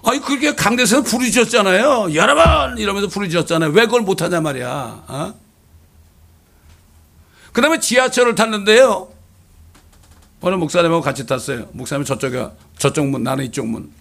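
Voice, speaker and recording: Male pastor, fervent sermon, gravelly fry, husky tone, loud bursts and low asides. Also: lively intonation, a little fast, long pauses.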